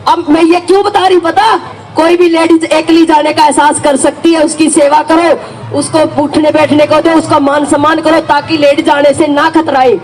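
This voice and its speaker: A middle-aged woman from Haryana, India, with a Haryanvi accent, emphatically recounts in first person joining a farmer protest she supports, rising to shouting at times. Her voice is high-pitched and level at a moderate pace, and the audio is poor.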